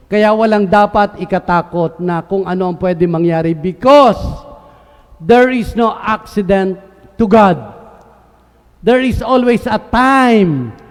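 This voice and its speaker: A man's voice: high voice, slow. A man preaching a sermon, asking his congregation questions and answering them himself, moving between Tagalog and English and acting out quoted voices. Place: church hall. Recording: reverberant hall.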